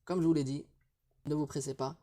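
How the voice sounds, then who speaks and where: A man's voice: a little high, steady tone, dark tone. A man teaching reading in a recorded video lesson, drilling syllables one by one and patiently explaining pronunciation. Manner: slow, deliberate syllable-by-syllable drilling.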